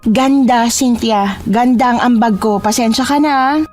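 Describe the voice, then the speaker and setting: Woman putting on a shrill bratty flirt. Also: unhurried, darkish tone, soft background music, lightly acted. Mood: taunting. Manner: shrill, mocking, vain. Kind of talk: dramatized storytelling.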